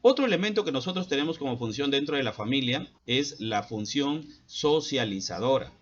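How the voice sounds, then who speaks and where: A middle-aged man speaks earnestly to parents in a school psychologist's lecturing tone, stopping often on hesitant fillers. His voice sits at an ordinary middle pitch. The sound is dull and muffled, like lo-fi audio from a laptop. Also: expressive, quick pace, a bit bright. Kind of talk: advice talk to parents.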